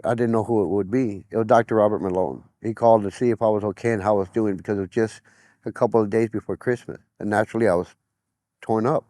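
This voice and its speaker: A man's voice: on the low side, dark tone, no echo. Plain-spoken middle-aged man, dry close sound. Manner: plain-spoken, retells conversations as quoted dialogue. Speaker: interviewee. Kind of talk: personal testimony in an interview.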